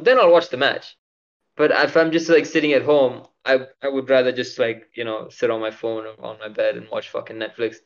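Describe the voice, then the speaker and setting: A young man chatting casually on a podcast, rambling with lots of fillers and frequent swearing. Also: mid-range voice. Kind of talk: casual chat. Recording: dull lo-fi audio.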